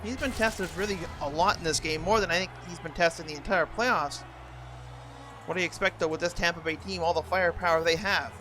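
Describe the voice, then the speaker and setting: A man's voice: on the high side, a little fast. A man doing play-by-play hockey commentary for a video game, imitating a TV sports announcer's delivery. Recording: noisy, game sound throughout.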